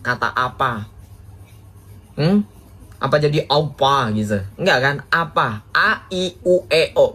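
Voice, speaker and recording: A man's voice: mid-range voice, fairly bright tone, slight background noise. A man giving a polemical religious monologue to viewers, mocking and combative, chuckling at his own jabs and firing rhetorical questions at listeners. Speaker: religious teacher.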